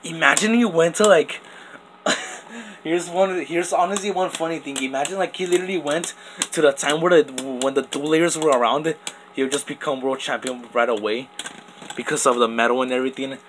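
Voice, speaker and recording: Slightly fast and on the high side, a young man who may be a teen gives casual off-camera commentary over toy top battles amid background noise. The host rambles constantly, restarting sentences and leaning on "like" and "literally."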